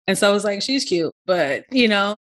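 A middle-aged woman and podcast co-host, telling a personal story in an animated, digressive way and often checking in with her listener. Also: mid-range voice, fairly quick.

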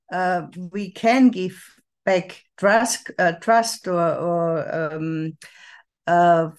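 A woman speaking as a panelist in a live policy debate, halting and searching for her words. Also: medium pitch.

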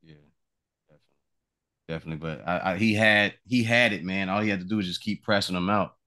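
Male podcast host, very low voice, laid-back slangy chat. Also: fast. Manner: relaxed, slangy, repeats words while thinking. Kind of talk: casual interview chat.

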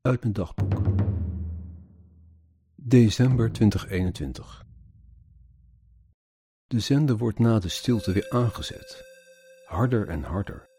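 A man's voice: on the low side, slow pace, pauses often, mellow, slightly rough, faint music behind. A man earnestly narrating his own experiences in a personal account, with an indignant edge.

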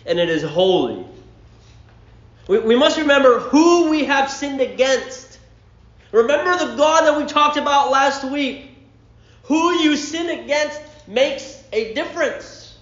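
A man preaching a sermon to a youth group, acting out a story with lively voices and slaps. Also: high-pitched. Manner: animated storyteller, acting out scenes. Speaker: pastor. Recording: roomy, dull lo-fi hall.

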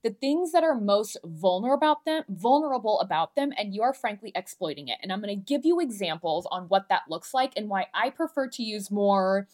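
Speaking fairly quickly with few pauses, this woman has a mid-range, darkish voice and lively intonation. She has a lisp and hosts a candid solo podcast as a marketing coach, talking frankly and emphatically in a conversational style while swearing freely.

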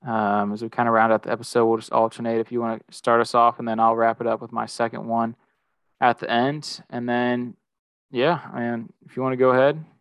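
A man hosting a casual sports podcast, talking in a measured way with lots of "um" and "I mean". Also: mid-range voice, clear, resonant tone, no echo. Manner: measured, even, filler-heavy. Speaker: podcast host.

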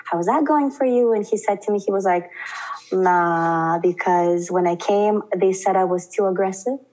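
Young woman, mid pitch, chatty, born in Russia. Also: normal speed, poor audio. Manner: chatty, acts out quotes with lively pitch jumps. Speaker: student guest. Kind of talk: casual interview talk.

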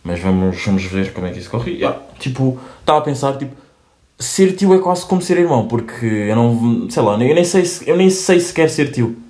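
A young man with a European Portuguese accent hosts a comic rant, joking and swearing with quick asides. His pitch swings widely. The room adds a noticeable echo. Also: sing-song, a little mellow. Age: young adult. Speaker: host. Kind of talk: casual comedic monologue. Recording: roomy echo.

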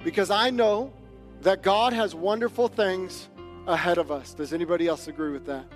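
A man pastor preaching a sermon to his congregation, swelling loud for emphasis and then dropping soft. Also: sits high, normal speed, faint music behind. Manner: impassioned preaching, rising and quieting for emphasis. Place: church sanctuary.

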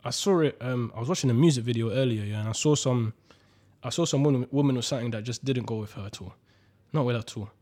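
A man's voice: medium pitch, fast talker, a little mellow. A young man with a London accent, chatting casually in slangy roadman talk. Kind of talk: casual chat.

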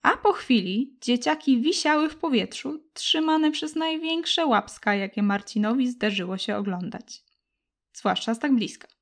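A woman reading a children's story aloud with gentle, expressive narration. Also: a little high, unhurried. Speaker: audiobook narrator.

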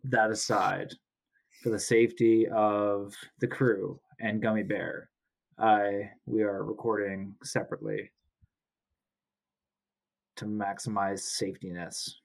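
A man's voice: fairly low pitch, little pitch movement, slow, gravelly, long pauses. A man hosting a podcast from home with a sore throat, chatting casually, rambling and correcting himself as he jokes. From Canada. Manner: rambling, self-correcting, joking. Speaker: podcast host. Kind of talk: casual chat. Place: home, recording remotely. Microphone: home mic, video call.

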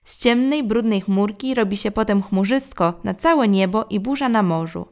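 Gruff worried sea captain, woman doing him, gravelly edge. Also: medium pitch, moderate pace, natural voice. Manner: gruff, anxious warnings. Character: worried old fishing-boat captain, man.

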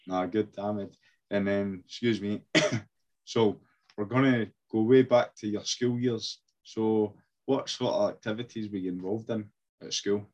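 Male interview host, chatty and encouraging, slightly low voice. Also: a little slow. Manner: chatty, encouraging short replies. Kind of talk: casual interview questions.

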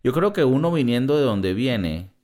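A man's voice: medium pitch, big pitch swings, normal speed, darkish tone. A man from Venezuela with a Venezuelan accent, co-hosting a casual chat in a frank, laughing, profane way. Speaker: podcast co-host.

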